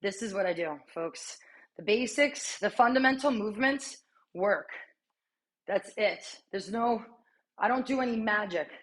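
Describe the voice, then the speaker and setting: A woman's voice: mid-range voice, expressive, unhurried, a bit bright. A woman in her thirties coaching a strength workout while exercising, chatty and encouraging, with sighs and short breaths between cues. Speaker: fitness coach.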